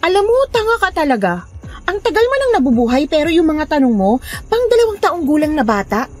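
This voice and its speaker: Woman voicing a defiant, sharp-tongued healer. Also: high-pitched, fairly quick, faint music behind. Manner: scornful, defiant, lively. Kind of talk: audio drama acting.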